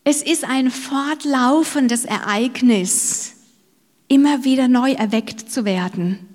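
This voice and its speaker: A woman preaching a sermon, telling the story in a lively way and acting out what the speakers say. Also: sits high, slow. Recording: long reverb of a large hall.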